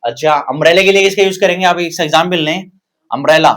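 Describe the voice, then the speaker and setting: A man's voice: on the high side, fast talker, a bit bright. A man with an Indian English accent teaching a grammar lesson, repeating words and asking rhetorical questions. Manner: repetitive, asks rhetorical questions to students. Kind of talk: classroom-style grammar lesson.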